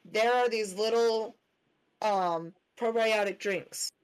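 A woman's voice: medium pitch, takes it slowly, clean tone. A woman in a casual podcast chat, sharing practical tips in a chatty way.

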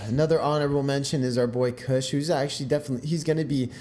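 A young man co-hosting a casual podcast, talking in a relaxed and rambling way. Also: mid-range voice, very fast, a little hiss or hum. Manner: relaxed, rambling, with many restarts. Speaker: podcast co-host. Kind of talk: casual chat.

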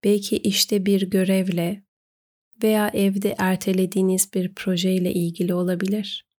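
Even-toned woman guiding a meditation. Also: mid-range voice. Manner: gentle, unhurried instruction with pauses. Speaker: meditation guide. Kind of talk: guided meditation narration.

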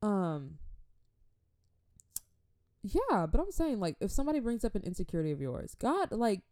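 A woman in her twenties casually telling a babysitting story, animated, with slangy asides and frequent laughter. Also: medium pitch, normal speed. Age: 20s. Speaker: vlogger.

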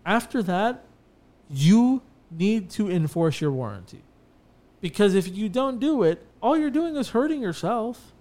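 A man's voice: high-pitched, unhurried. A man who runs a bathtub refinishing business, chatting casually on a podcast and telling stories with lots of fillers and restarts. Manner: animated storyteller, many fillers and restarts.

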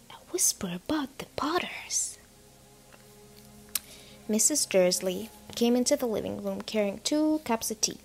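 A woman reading a story in a whispered role-play, slow and gentle in delivery. Her voice sits a bit high, with a gravelly fry running beneath the hush. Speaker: audiobook narrator.

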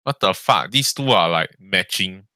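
Man, casual co-host; bright, sharp, low voice, rambling, dry mic. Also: lively intonation, moderate pace, dry recording. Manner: rambling, frequent "lah" and "ah" tags, swears. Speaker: podcast co-host. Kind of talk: casual chat.

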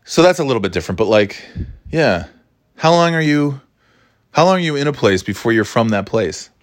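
A middle-aged New Yorker hosts a solo podcast, rambling casually and wryly, interrupting himself and restarting often. His mid-range voice swings widely in pitch and moves a little fast.

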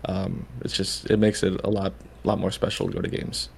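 A man's voice: deep voice, level tone, normal speed, creaky, darkish tone, husky. A man, chatting casually as a podcast guest, rambling with lots of fillers and restarts. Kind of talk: casual chat.

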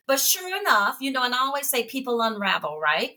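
Animated woman from Chicago telling a story. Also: high voice, a little fast. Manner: animated storytelling, calls listeners honey and baby. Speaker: podcast co-host. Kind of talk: casual chat.

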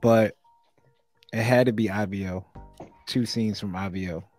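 A young man in casual podcast chat, speaking in loose, slangy banter. His voice is on the low side, with faint music in the background. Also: steady tone, unhurried, darkish tone. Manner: laid-back slangy banter. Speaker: podcast co-host.

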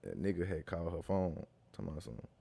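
A man's voice: low-pitched, rapid-fire, creaky, mellow, breathy edge. A young man, a guest on a casual talk show, telling stories in loose, slangy talk and laughing through them. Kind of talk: casual storytelling chat.

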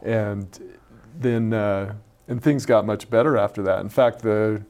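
A man's voice: fairly low pitch, steady tone, a little slow, a little mellow. A middle-aged man and former coach co-hosting a casual podcast, playful and teasing as he tells stories.

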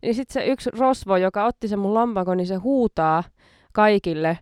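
A woman's voice: mid-range voice, animated, a little mellow, smooth, no echo, studio quality. A woman hosting a podcast in casual chat, self-mocking and laughing often between her words. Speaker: podcast host.

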